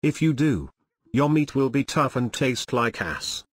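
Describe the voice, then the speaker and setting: A man's voice: mid-range voice, sing-song, measured pace, no room sound, clean studio sound. A man giving crude, brash comedic commentary while playing a video game. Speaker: gameplay commentator.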